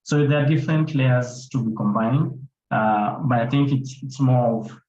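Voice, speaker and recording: Faint music plays behind a man with a Kenyan accent whose mid-range voice moves at a moderate pace and sounds a little mellow. He's a conservation photographer and filmmaker on a panel, explaining his approach through emphatic repetition and rhetorical questions, over dull, roomy online-call audio.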